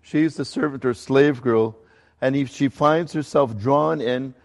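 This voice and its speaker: A man's voice: medium pitch, darkish tone. Man preaching in a reverberant hall. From Ecuador. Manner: conversational, halting with fillers and restarts. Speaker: pastor. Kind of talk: sermon.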